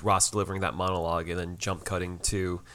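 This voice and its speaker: A man's voice: sits low, little pitch movement, quick pace, bright, forceful tone. A man co-hosting a podcast in easygoing casual chat about a TV episode, often tossing in "man" and laughing. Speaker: podcast co-host.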